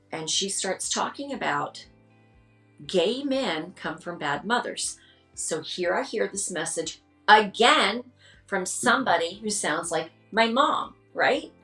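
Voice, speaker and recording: Middle-aged woman telling stories, roomy echo. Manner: animated, acts out quotes with rising pitch. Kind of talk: candid interview storytelling.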